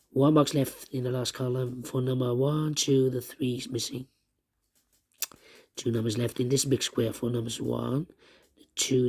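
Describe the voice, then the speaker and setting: Creaky man with a strained, failing voice. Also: medium pitch, warm tone. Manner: halting, repetitive counting in short phrases. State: lost voice, strained and troubled. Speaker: puzzle tutorial host. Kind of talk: step-by-step puzzle walkthrough, thinking aloud.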